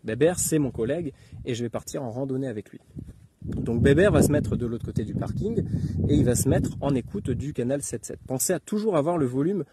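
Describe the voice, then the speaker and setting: A man giving an informal spoken tutorial as an instructor, talking haltingly with many hesitations and filler words. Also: mid-range voice, expressive, background noise. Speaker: instructor giving outdoor radio advice.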